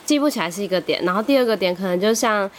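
A woman's voice: mid-range voice, animated, racing. A young woman guest on a podcast, chatting casually and telling wry stories. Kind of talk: casual chat.

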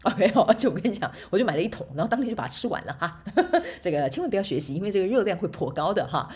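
Woman podcast host, husky low voice, lively pitch, fast chatty storytelling with frequent laughs. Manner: chatty storytelling, laughs often, tag particles. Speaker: podcast host and motivational speaker. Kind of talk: casual solo podcast talk.

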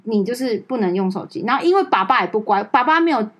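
Fast-talking Taiwanese woman storyteller. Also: a little high. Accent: Taiwanese Mandarin. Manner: animated, acts out the people she quotes. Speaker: podcast co-host. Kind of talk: casual storytelling chat.

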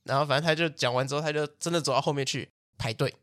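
A man's voice: fairly high pitch, fast talker, dry recording, clean studio sound. A young man, casually telling a story as a podcast host and acting out the quotes. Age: young adult. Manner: animated, acts out quotes, laughs and swears.

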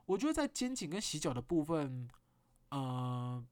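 A man with a Taiwanese Mandarin accent hosting a podcast, telling a story in a casual monologue with animated delivery and blunt swearing. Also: on the high side, a little slow. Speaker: podcast host.

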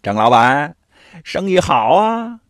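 A man's voice: medium pitch, big pitch swings, moderate pace, fairly bright tone, dry recording, studio quality. A man doing a snide, sly shop owner. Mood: sneering. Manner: sarcastic, mocking.

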